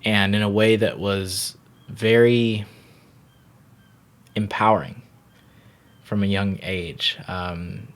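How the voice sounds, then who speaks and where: Being interviewed on a reflective podcast, a Barbadian yoga teacher in his thirties takes his time, thinking things through and frequently saying "you know." His voice is lowish with fairly even intonation.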